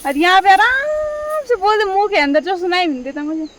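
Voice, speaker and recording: A woman's voice: very high-pitched, lively intonation, fairly quick, fairly bright tone. A young woman chatting to viewers in a casual vlog while cutting grass in hill farm fields. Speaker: vlogger.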